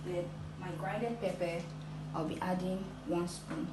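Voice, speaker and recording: A woman's voice: fairly low pitch, fairly even intonation, measured pace. Woman walking through her cooking. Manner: plain step-by-step, addresses viewers as "guys". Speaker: cooking vlogger. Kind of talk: casual cooking walkthrough. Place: home kitchen, indoors. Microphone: phone camera. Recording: echoey kitchen with loud background noise.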